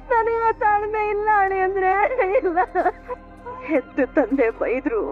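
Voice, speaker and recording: An actress playing a grieving middle-aged mother in a TV serial, speaking in anguished, lamenting speeches. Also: extremely high pitch. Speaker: mother of a son accused of theft. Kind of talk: TV serial acting. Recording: tinny lo-fi TV audio with music.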